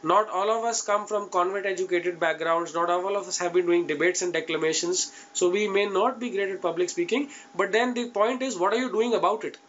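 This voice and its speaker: Indian guy teaching a live class, pretty high voice, blunt n emphatic, keeps checking in. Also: fairly quick, few pauses, fairly bright tone, slight background noise, poor audio. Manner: direct, emphatic, checks in with listeners. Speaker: interview coach teaching an online class. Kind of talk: live lesson, informal advice to students.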